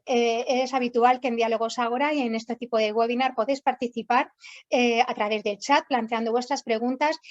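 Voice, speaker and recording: A woman's voice: a little high, lo-fi sound. A woman moderating an online panel as host, introducing guests and putting questions to them, over webinar audio.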